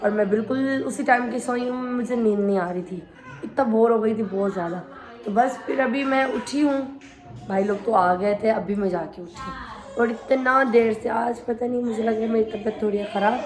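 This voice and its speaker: A woman talking chattily to her viewers in a casual home vlog, filmed on a phone. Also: on the high side. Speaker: vlogger. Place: home with guests. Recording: busy room with children's noise. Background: children playing and guests chatting.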